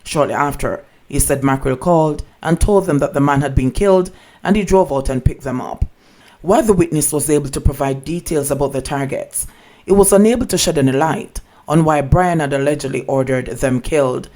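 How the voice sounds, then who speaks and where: A man reading a scripted news report in a formal, measured manner. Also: on the high side, mellow. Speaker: news narrator.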